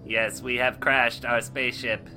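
A man voicing a pompous male alien, stranded after a crash, who talks in a loud, stiff, announcer-like way in improvised comedy. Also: mid-range voice, little pitch movement, unhurried, music in the background, voice pushed up, lightly acted. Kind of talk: improvised comedy role-play.

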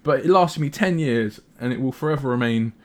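A man's voice: medium pitch, brisk. A man co-hosting a casual gaming podcast, easygoing, often restarting his sentences. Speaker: podcast co-host. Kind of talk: casual chat.

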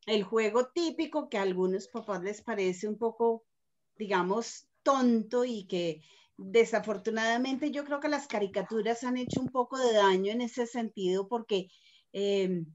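A woman's voice: a little high, moderate pace. A woman speaks reflectively in a casual discussion, often restarting her sentences as she works through a thought. The recording is dull and lo-fi. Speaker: mother. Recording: dull lo-fi sound.

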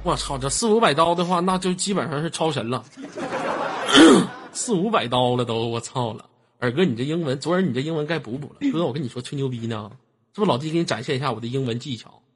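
A man with a Northeastern Chinese accent hosting a stream, teasing his guest with crude jokes, loud mockery and constant swearing, sometimes bursting into shouts. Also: mid-range voice, animated, quick pace, background noise. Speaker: livestream host. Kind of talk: crude joking banter.

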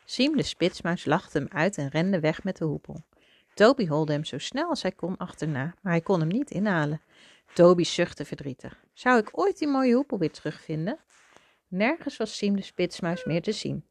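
A middle-aged woman reading a children's book aloud to her young son, with gentle, expressive storytelling. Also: lowish voice, moderate pace, no room sound.

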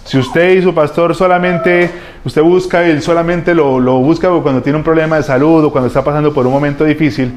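A man preaching a sermon as a pastor, telling lively, humorous stories full of slang. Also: fairly high pitch, brisk, a little hiss or hum.

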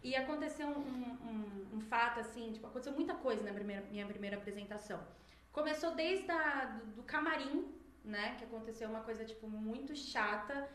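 High-voiced woman telling stories in a roomy space. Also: brisk. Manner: animated, acts out quoted voices. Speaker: podcast guest, singer. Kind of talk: casual storytelling chat. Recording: roomy echo, faint noise.

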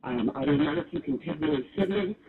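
A man's voice: on the high side, quick pace. A man's mumbled voice from a played-back recording, repeating short phrases. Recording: tinny phone-like playback with faint noise.

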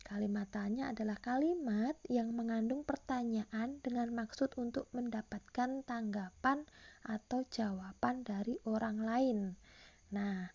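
A woman's voice: on the high side, gravelly, mellow, dull audio. A woman teacher giving a recorded online lesson to primary school children, patiently explaining and reading example questions aloud.

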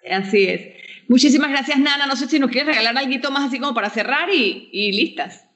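A woman's voice: sits high, lively intonation, fairly quick, a bit bright. Woman podcast host summing up the talk. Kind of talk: casual podcast conversation.

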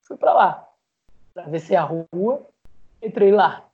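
A Brazilian woman, a podcast guest, telling a personal story in an animated way, acting out remembered conversations with frequent restarts. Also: lowish voice, slow pace, phone-quality sound. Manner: animated, acts out remembered dialogue with many restarts.

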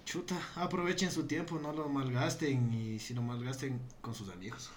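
A man's voice: medium pitch, normal speed, crowd noise. A man in his thirties with an Ecuadorian accent, co-hosting a casual podcast with joking, crude slang. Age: 30s. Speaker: podcast co-host.

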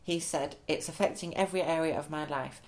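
A man's voice: fairly high pitch, fairly even intonation, brisk. A man co-hosting a podcast in casual chat, reading news stories aloud with amused asides. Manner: reads articles out, amused and chatty. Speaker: podcast co-host.

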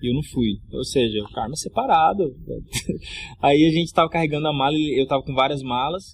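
A man's voice: on the high side, fairly quick. A middle-aged man, a guest on a podcast, tells a travel anecdote in a loose, slangy way and laughs often. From Mato Grosso, Brazil. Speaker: podcast guest, actor and comedian. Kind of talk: casual storytelling chat.

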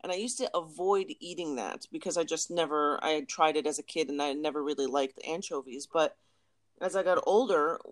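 Woman co-host, lower register, enthusiastic casual food chatter. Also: a little fast. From Lebanese family. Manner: chatty, enthusiastic about food, frequent restarts. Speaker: podcast co-host. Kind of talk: casual chat.

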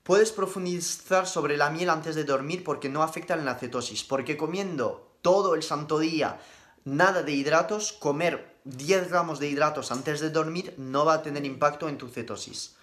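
Speaking in a fairly high, slightly bright voice, a young man who works as a nutrition coach tackles viewer questions live. His answers are brisk and matter-of-fact, loosened up with casual slang.

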